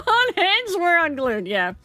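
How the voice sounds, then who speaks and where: A woman's voice: a little high, fairly bright tone, no room sound. A woman livestreamer chatting casually with viewers in a cute, bubbly, playful anime-streamer manner.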